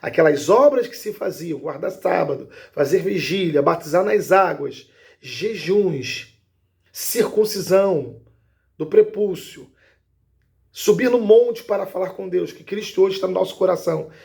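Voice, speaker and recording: A man's voice: sits high, expressive, a little slow, gravelly, darkish tone. A man, a pastor, giving an emphatic Bible teaching and checking in with his listeners as he goes.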